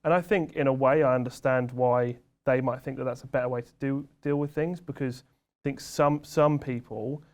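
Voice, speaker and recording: A man's voice: medium pitch, fairly even intonation, normal speed. A man, co-hosting a podcast and speaking in an earnest, reflective way. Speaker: podcast co-host. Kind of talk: casual chat.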